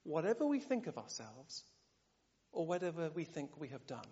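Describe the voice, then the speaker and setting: A man preaching a sermon, animated and often asking the congregation rhetorical questions. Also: a little high, normal speed. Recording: dull sound, long church reverb.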